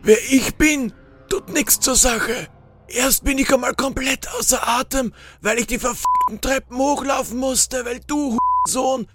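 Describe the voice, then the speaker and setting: A foul-mouthed old ghost. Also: male voice, a little hiss or hum, heavily acted. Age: older. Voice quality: shrill, shouting, sing-song rants. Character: furious old male ghost of video games, foul-mouthed. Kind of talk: audiobook-style story narration.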